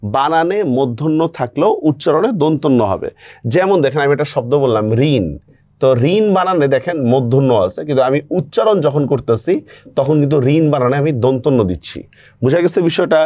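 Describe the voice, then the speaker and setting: A man's voice: a little high, darkish tone, no echo. A man teaching a grammar lesson on pronunciation, explaining step by step and often checking that students follow.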